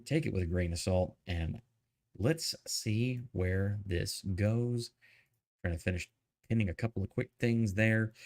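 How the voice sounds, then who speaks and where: A man hosts a live show. He talks in a relaxed, chatty way and laughs easily. His pitch is in the middle but moves around a lot as he greets the chat. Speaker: livestream host. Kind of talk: casual livestream chat.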